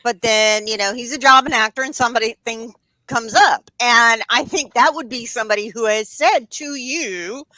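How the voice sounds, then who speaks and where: Woman, bright tense voice, fairly high, gushing, dry close sound. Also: normal speed, no echo, low-quality recording. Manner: enthusiastic, gushing. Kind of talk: casual interview chat.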